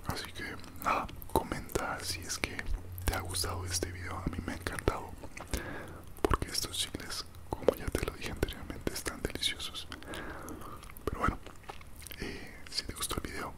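A young man whispers casually in a breathy ASMR style right up at the microphone, chewing gum as he chats. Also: normal speed. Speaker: ASMR creator. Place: small room indoors at home. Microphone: large desktop condenser mic, very close.

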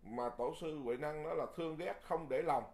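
A man who is a Buddhist monk, giving a Dharma sermon in a lively, folksy way, often repeating words and chuckling. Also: fairly high pitch, normal speed.

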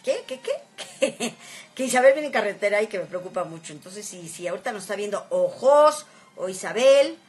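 A woman's voice: medium pitch, lively intonation, a little fast. A woman chatting casually on a phone live-stream, reading viewer comments aloud and greeting viewers by name. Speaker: Instagram live host.

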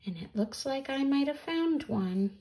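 A woman in her thirties, acting as a children's teacher, guides young viewers through a craft video and read-aloud, speaking slowly and deliberately. Her fairly high voice is animated yet dark in tone. She's recorded a short way from the camera in a small room at home.

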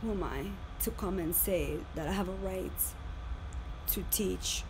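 Over noisy webcam audio, a thirtysomething woman teacher with a big, fairly low voice gives an animated lecture to her class from a home room. She talks a little slowly and frequently repeats or restarts what she's saying.

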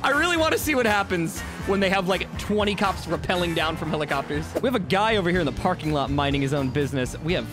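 A man's voice: sits high, expressive, fast talker, hardly any pauses, music in the background. A man hosting a gaming video, commentating and improvising role-play. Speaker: gaming video creator and host. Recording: loud game audio behind the voice.

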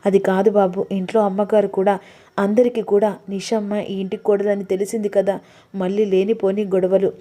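A woman's voice: medium pitch, level tone, a little fast, dark tone, lightly acted. A woman voicing a young woman in love who hesitantly holds back out of duty. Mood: worried. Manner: hesitant, pleading.

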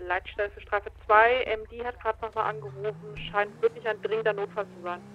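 A woman's voice: mid-range voice, level tone, soft background music. A woman's voice comes through a walkie-talkie, dull and muffled like a cheap radio. She talks in the clipped, formal way of a police dispatcher, closing each call with radio procedure words. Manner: brisk, formal, ends calls with "komm". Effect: over a walkie-talkie radio. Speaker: police dispatcher in a game roleplay.

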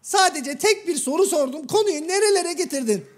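Brief: a prim, fussy shadow-play gentleman in a very high, thin voice, formal and exasperated. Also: lively intonation, normal speed. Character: Hacivat, prim exasperated educated gentleman, male. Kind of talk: comic shadow-play sketch.

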